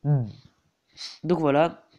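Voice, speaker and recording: In a muffled recording, a teen gaming YouTuber with a head cold explains a game over the screen in a slightly high, steady, mellow voice at a slow pace. He hesitates frequently and fills gaps with the same phrases, "donc voilà" above all.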